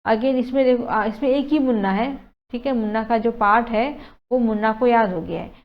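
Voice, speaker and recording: A woman teacher with a slightly high voice explains a lesson at a moderate pace in a chatty, casual classroom style. She mixes in English words and keeps checking with students, asking "okay" and "theek hai." The recording has a dull lo-fi sound.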